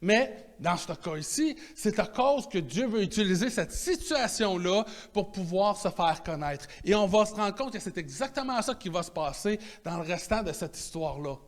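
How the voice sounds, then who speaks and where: A man with a Quebec French accent preaching a sermon in a conversational, animated way, restarting his phrases often. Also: high-pitched, moderate pace, hardly any pauses. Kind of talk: sermon teaching.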